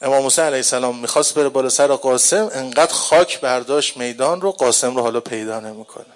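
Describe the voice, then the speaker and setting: A man preaching a mourning sermon, moving from quiet storytelling to loud, grieving lament, and reciting passages in slow chanted lines. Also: medium pitch.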